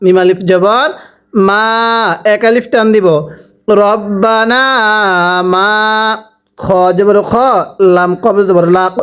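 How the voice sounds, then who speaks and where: Slow, smooth Bangladeshi male Quran teacher. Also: high voice, steady tone. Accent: Bangladeshi Bengali. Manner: spells out syllables, then chants drawn-out recitation. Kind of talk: Quran spelling and recitation lesson.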